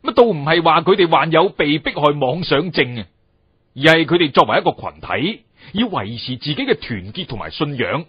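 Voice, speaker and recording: A husky male pingshu storyteller with a Cantonese accent, pitched a little high and swinging widely in tone. He narrates history expressively, with drawn-out phrases and chatty asides. The recording is dry and somewhat dull, like lo-fi radio. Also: very animated, no echo.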